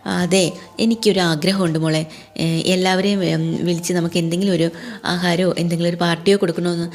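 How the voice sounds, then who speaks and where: A woman voicing an ailing elderly father in a TV serial recap, speaking slowly and softly with hesitant pauses. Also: fairly low pitch, level tone, natural voice. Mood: gentle.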